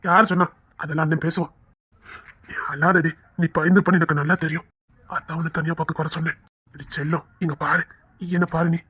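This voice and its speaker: A man's voice: fairly high pitch, level tone, fairly quick, pushed and bright, slightly rough, no room sound, highs cut off. A man voicing a proud, devoted elder brother and husband who soothes and reassures. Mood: soothing. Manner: soothing, affectionate, firm. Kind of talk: audio drama acting.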